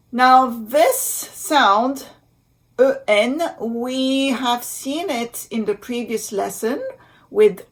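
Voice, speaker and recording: A woman with a fairly high voice teaches pronunciation at a very slow pace. She speaks deliberately, as in a language lesson, demonstrating each sound and repeating example words.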